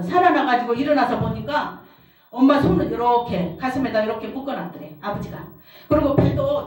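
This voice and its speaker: A middle-aged woman, a pastor's wife, preaches a sermon and shares a personal testimony in a prayer house service hall, repeating phrases for emphasis. Her voice is fairly high-pitched with a darkish tone, captured by a distant mic in the roomy hall.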